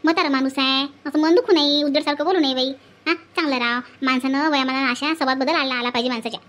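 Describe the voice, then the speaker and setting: A woman's voice: high-pitched, steady tone, fast talker, fairly bright tone. A woman voicing an older village woman from who scolds and hands out repeated advice. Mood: lecturing. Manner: scolding, repetitive advice-giving. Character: older village woman, bossy, lecturing elder.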